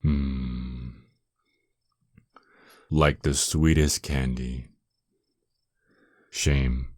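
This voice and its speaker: A man acts out a dominant vampire lord in an intimate ASMR roleplay. His voice is exceptionally deep and slow, recorded close and dry. He is seductive and menacing, taunting with a possessive, mock-tender air. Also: level tone, no room sound, full character voice. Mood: gloating, sinister.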